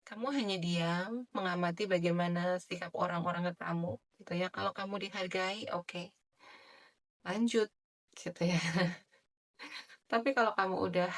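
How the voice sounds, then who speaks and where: A woman giving a general tarot reading in a soft, chatty way, with many filler tags. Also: on the low side. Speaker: tarot reader.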